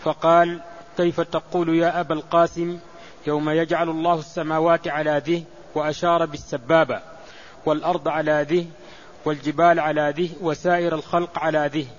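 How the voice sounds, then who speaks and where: A man reading a classical religious text aloud to his teacher, reciting narrator chains in a steady, formal way. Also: fairly high pitch, fairly quick. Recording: muffled lo-fi recording with faint hiss.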